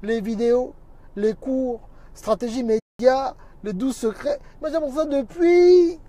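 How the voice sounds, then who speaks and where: A man's voice: extremely high pitch, a little slow, mellow. A man talking on a casual livestream, preaching emphatically and greeting viewers by name as he goes. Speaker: minister and social media teacher.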